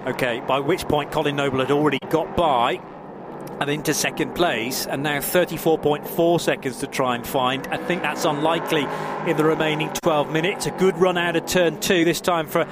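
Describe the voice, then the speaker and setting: A man's voice: fairly high pitch, fairly even intonation, moderate pace. A man commentating live on a motor race as a motorsport commentator. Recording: clear trackside engine and vehicle noise. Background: car engines and outdoor track ambience.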